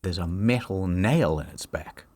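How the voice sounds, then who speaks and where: A man narrating a comedic history video, wry and storytelling, with sudden swings in pitch. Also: animated, unhurried, a little mellow.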